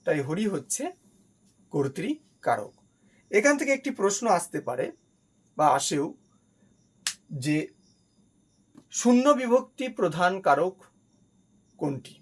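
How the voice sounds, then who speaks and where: A man's voice: high-pitched, sing-song, slow pace, pauses often, breathy edge, low-quality recording. A man teaching a grammar lesson, who explains each step patiently, repeats key terms, and asks questions that he answers himself.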